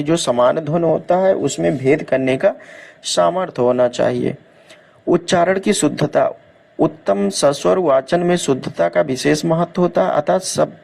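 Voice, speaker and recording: Gravelly Indian man teaching from notes. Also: a little high, a little mellow. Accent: Hindi belt Indian. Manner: reads notes aloud, adds "ठीक है" check-ins. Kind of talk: exam-prep lecture reading notes.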